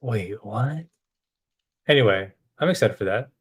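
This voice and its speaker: A man's voice: on the low side, expressive, a little slow. A man with an American accent hosting a casual chat in an informal, slangy way. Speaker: podcast host.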